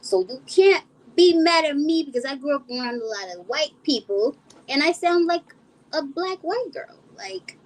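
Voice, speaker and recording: A woman's voice: high-pitched, animated, moderate pace, slight background noise, poor audio. A woman from Arizona with a Valley girl-like accent, chatting playfully as a talk show guest. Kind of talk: casual chat.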